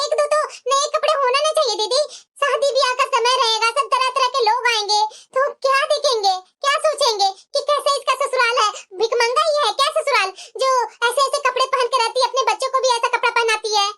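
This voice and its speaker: A woman's voice: very high-pitched, bright, forceful tone. A woman voicing a put-upon young daughter-in-law in a cartoon, pleading and complaining. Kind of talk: cartoon voice acting.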